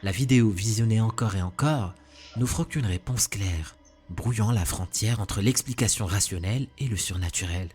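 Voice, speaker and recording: A man's voice: fairly low pitch, moderate pace, soft background music. A man reading scripted, formal narration for a compilation of eerie videos. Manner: even, formal, ominous phrasing.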